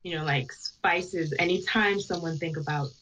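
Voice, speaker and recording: A woman's voice: fairly low pitch, normal speed. A young woman from Jamaica, a podcast guest chatting casually with lots of "like" and "you know". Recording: slightly dull sound with faint noise.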